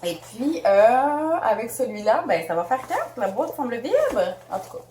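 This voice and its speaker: A woman's voice: a little high, big pitch swings, a little slow, a little mellow, echoey room, a little hiss or hum. Bubbly Québécoise woman unboxing makeup. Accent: Québécois French. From Canada. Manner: bubbly, chatty, laughs often. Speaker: beauty vlogger. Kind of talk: casual unboxing chat.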